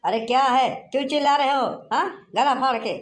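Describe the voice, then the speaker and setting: A woman's voice: high voice, steady tone, a little fast, lightly acted. A woman voicing a crafty male village headman in a cartoon, bossy and lecturing in an Awadhi accent. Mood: scolding. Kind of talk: cartoon comedy voice acting.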